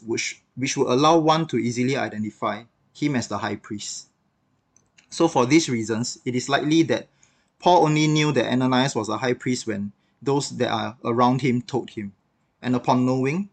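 A man giving a devotional talk on a Bible passage, reflective and conversational, with occasional filler words. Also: mid-range voice. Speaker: devotional speaker.

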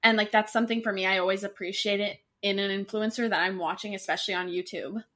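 A woman's voice: mid-range voice, steady tone, fast talker. A woman born in Canada co-hosting a podcast, talking with enthusiasm and a lot of "like". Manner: warmly enthusiastic, lots of "like". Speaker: podcast co-host. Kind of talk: casual podcast chat.

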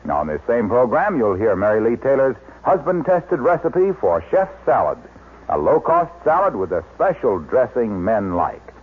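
An American man with a husky, medium-pitched voice announces in a chipper 1950s radio ad style, very animated and at a moderate pace. His sales pitch is polished and emphatic. The sound is vintage radio broadcast with a narrow, phone-like band.

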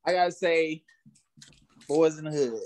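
A man's voice: on the high side, measured pace, a little mellow. A man with an American accent chatting casually as an interviewed music artist, using street slang and repeating his phrases. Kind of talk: casual chat.

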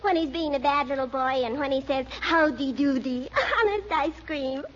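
A woman plays a naive, giggly young office secretary in a 1940s radio comedy. Her voice is extremely high and chirpy. The recording is dull, with plain background noise. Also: normal speed, lightly acted.

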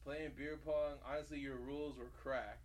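A man's voice: mid-range voice, flat delivery, moderate pace. A man with a slangy, boisterous frat bro manner, chatting casually as a podcast host. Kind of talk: casual group podcast chat. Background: other people talking.

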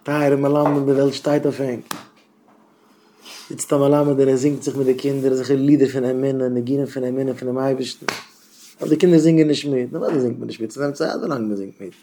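A man giving an encouraging talk to teachers as a rabbi. He moves between quiet, low asides and loud, impassioned stretches. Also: steady tone, fairly quick, slight background noise. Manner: swings from low murmurs to loud impassioned bursts. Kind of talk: Yiddish chizuk talk.

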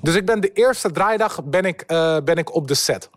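Casting: young male comedian, high voice, animated storyteller who swears and mixes in English. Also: normal speed. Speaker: podcast guest, comedian. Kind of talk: storytelling anecdote.

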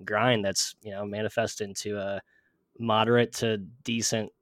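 A man's voice: on the low side, level tone, normal speed, a bit bright, no echo. Nasal self-deprecating male guest, dry sound. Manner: self-deprecating, rambling, with many fillers. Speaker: podcast guest, sports writer. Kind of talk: casual podcast interview.

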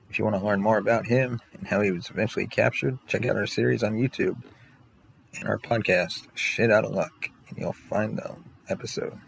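A man with a fairly low, gravelly voice narrates a scripted top ten countdown as its host. He presents each entry as a factual rundown. Some light background noise sits behind him. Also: poor audio. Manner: announces numbered entries, then recounts facts.

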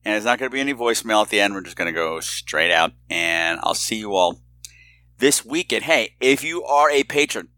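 This man hosts a podcast, speaking in a lowish, expressive voice that's brisk, bright and forceful. His casual monologue feels personal and confiding, with a campy, theatrical flair. The recording has no room sound.

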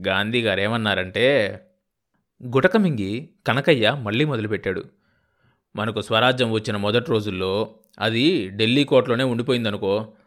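A man's voice: on the low side, normal speed, pauses often, a bit bright, natural voice. A male narrator voicing a persuasive, argumentative village man who lectures about voting and self-rule. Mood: lecturing.

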